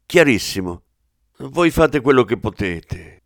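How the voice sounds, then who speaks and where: A man's voice: mid-range voice, very animated, slow pace, no room sound, studio quality. A man reading a sardonic forensics chief. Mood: firm. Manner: mocking, demanding. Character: sardonic male forensics chief, teasing colleague.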